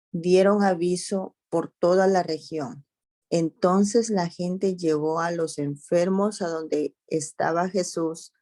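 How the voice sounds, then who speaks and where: Woman Bible reader, low voice, slow steady pace, dry close sound. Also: no room sound. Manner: slow, careful reading with small self-corrections. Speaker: scripture reader. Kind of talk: Bible reading aloud.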